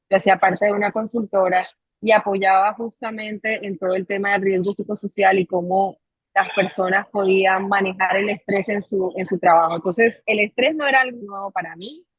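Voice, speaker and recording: A woman, guest on an interview podcast, talking in a measured way with frequent pauses and fillers. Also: medium pitch, breathy edge, dry recording, low-quality recording. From Colombia, Caribbean coast. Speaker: psychologist and mindfulness coach, guest. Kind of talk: interview guest, reflective storytelling.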